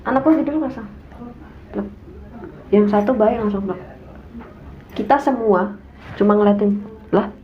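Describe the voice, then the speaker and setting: A woman's voice: mid-range voice, unhurried, pauses often. A young woman with a Jakarta slang accent, telling a story as a guest in casual talk and acting out quotes. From Indonesia. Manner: animated, acts out quotes in a raised voice. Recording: echoey room, dull sound, faint hum.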